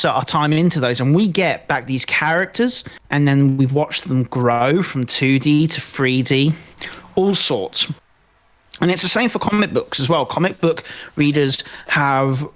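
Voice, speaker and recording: A man with a medium-pitched, somewhat bright voice co-hosts a podcast, chatting casually about films. His takes are emphatic and opinionated, often punctuated by repeated phrases.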